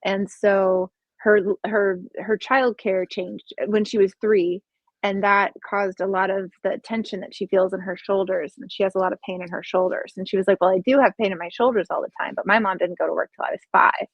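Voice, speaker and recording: A woman's voice: medium pitch, fairly even intonation, fairly quick, dry recording, highs cut off. Young woman, podcast guest; casual, searching, dry close sound. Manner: musing, searching for words, many restarts. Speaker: podcast guest, comedian and psychic reader.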